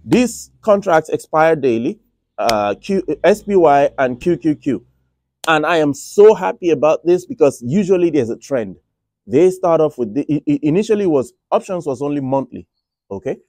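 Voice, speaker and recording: Expressive and a little high, this mellow male voice moves at normal speed with no room sound. The speaker, a finance vlogger from the Republic of Ireland with a Nigerian accent, rambles casually about his money and trading, full of restarts and fillers.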